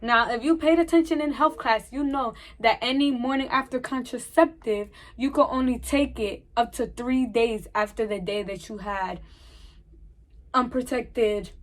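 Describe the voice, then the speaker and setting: High-voiced young woman telling a story. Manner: animated storytelling, acting out quoted dialogue. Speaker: vlogger. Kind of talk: storytime vlog.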